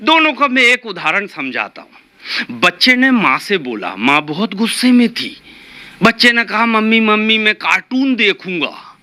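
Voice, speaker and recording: A man performing stand-up comedy, telling stories with animated delivery and repeated lines for comic effect. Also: sits high, measured pace.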